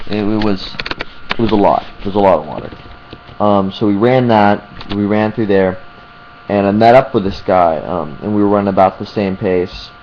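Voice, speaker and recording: Very deep-voiced man vlogging through muffled hum. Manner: halting, searching for details mid-thought. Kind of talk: casual vlog talk to camera. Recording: muffled sound with clear electrical hum.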